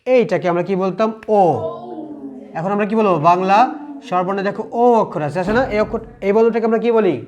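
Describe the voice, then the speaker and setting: A man with a Bengali accent teaching English pronunciation to a class, asking questions and repeating sounds slowly. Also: high-pitched, dull audio. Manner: asks the class questions and answers them, drills sounds slowly.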